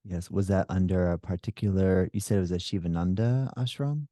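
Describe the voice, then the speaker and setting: Deep, mellow-voiced male podcast host. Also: a little fast, no echo, studio quality. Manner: warm, appreciative, laughs easily. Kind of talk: casual interview conversation.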